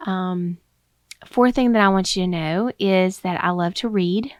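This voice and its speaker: A young woman talks through a casual solo podcast, her voice sitting a little low for a woman. She sounds slightly out of breath and rambles, filling pauses with ums and restarting her sentences. The recording is dry and close. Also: dry recording. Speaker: podcast host.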